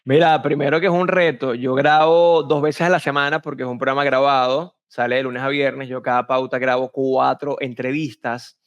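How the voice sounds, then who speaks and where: A man's voice: medium pitch, moderate pace, few pauses, clear, resonant tone, lo-fi sound. A man with a Venezuelan accent, a communication coach telling anecdotes in a conversational interview, acting out voices as he goes. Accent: Venezuelan Spanish. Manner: animated storyteller, acts out quoted voices. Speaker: communication and public speaking coach, interview guest.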